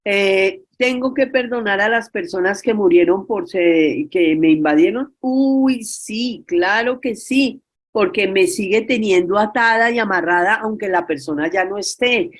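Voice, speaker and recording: A woman's voice: medium pitch, unhurried. An older woman giving an earnest spiritual talk on forgiveness, repeating words for emphasis and sharing personal testimony. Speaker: religious workshop speaker.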